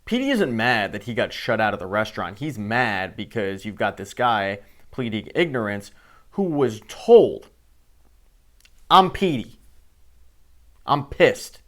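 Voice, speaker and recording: A man giving a heated, sarcastic sports rant to camera, swearing freely. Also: mid-range voice. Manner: fired-up, sarcastic, profane. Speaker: sports commentator.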